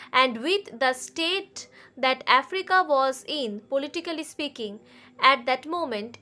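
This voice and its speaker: Bright-voiced woman reading a story aloud. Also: high voice. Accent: Indian English. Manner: expressive, measured reading. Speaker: English teacher.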